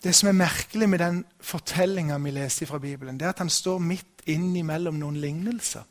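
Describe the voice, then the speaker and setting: Slightly high-voiced storytelling pastor. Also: male voice. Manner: storytelling, conversational with restarts. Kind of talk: sermon.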